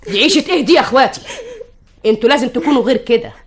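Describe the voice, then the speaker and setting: A woman's voice: on the high side, animated, rapid-fire, breathy edge. An actress with an Egyptian accent playing a bossy widowed mother in an old radio drama, scolding and insistent. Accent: Egyptian Arabic.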